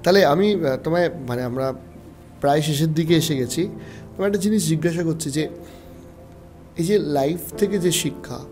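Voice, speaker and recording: A Bengali-accented podcast host with a somewhat raised pitch, putting questions slowly and with care. He often affirms his guest, and faint music plays underneath. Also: a little mellow. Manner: measured questions, frequent affirming murmurs. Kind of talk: podcast interview.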